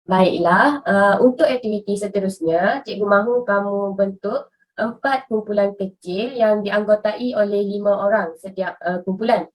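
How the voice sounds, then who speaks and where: Woman teacher, steady instructions, a little distant from the mic. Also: medium pitch, moderate pace. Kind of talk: giving classroom instructions.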